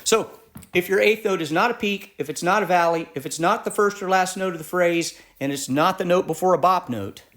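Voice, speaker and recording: A middle-aged man gives an instructional music lesson, his voice sitting a little high for a man. He works through each point methodically, restarting phrases as he thinks aloud. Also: fairly quick, fairly bright tone. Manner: methodical, explains step by step with frequent restarts. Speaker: music teacher.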